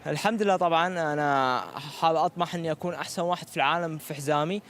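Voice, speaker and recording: A man's voice: a little high, very fast, fairly bright tone, slight background noise. A man with an Emirati Gulf Arabic accent giving an earnest, grateful post-match interview as a competing athlete.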